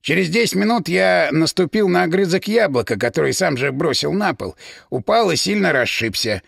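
A man's voice: a little high, lively intonation, normal speed, creaky, fairly bright tone, breathy edge, no echo, studio quality, heavily acted. A man voicing a lazy, boozy male inventor with an ironic, weary manner.

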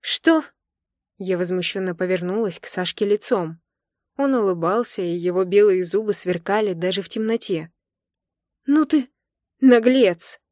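A woman's voice: fairly low pitch, fairly even intonation, brisk, darkish tone, no room sound, clean studio sound. Woman reading first-person romance. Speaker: audiobook narrator.

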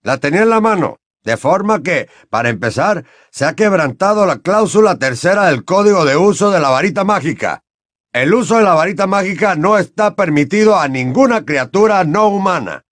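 A man reading an audiobook and voicing a stern middle-aged male wizard official who talks in a loud, officious way. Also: sits high, animated, a little fast, no room sound, clean studio sound, pitched above the performer's own voice. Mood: grave.

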